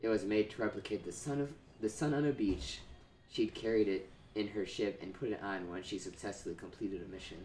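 A man's voice: on the low side, fairly quick, darkish tone, echoey room, a little hiss or hum. A man hosting a show, giving a casual comedic reading and laughing often as he goes. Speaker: host reading fan fiction aloud.

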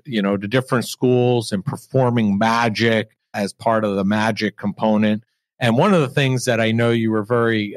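A man's voice: mid-range voice, dry recording. A middle-aged man with an American accent, interviewing a guest as a podcast host in a conversational way.

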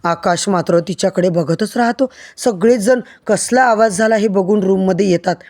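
A woman's voice: mid-range voice, moderate pace, darkish tone. Woman narrator, recaps episodes, talks straight to viewers, storytelling. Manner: addresses viewers directly, storytelling.

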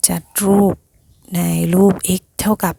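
A woman's voice: measured pace, dark tone, no room sound. A woman teacher patiently explaining a math lesson to her students, often calling them "child" affectionately.

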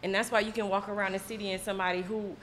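A woman's voice: medium pitch, flat delivery, very fast, fairly bright tone. A woman actor speaks in a roundtable discussion. She talks reflectively and earnestly about her work, with faint noise in the background.

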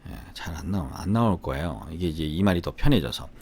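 A man's voice: deep voice, animated, fast, darkish tone, breathy edge. A middle-aged man from Gyeongsang with a slight Gyeongsang accent, teaching English grammar in a chatty way and often asking "right?". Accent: slight Gyeongsang Korean, mostly Seoul-like. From Gyeongsang, South Korea. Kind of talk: grammar lesson with repeat-after-me drills.

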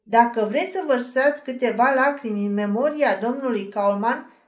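A woman voicing a smug, self-assured nobleman with a slightly hoarse voice in an audiobook, mocking and unhurried. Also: fairly high pitch, lightly acted. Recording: roomy echo.

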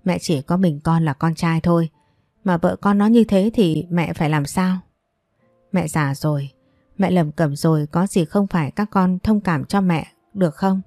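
A woman's voice: lowish voice, moderate pace, no echo, clean studio sound, soft background music. A woman voicing a scornful, nagging older mother-in-law who complains theatrically. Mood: self-pitying. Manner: sharp and wailing, theatrical complaints.

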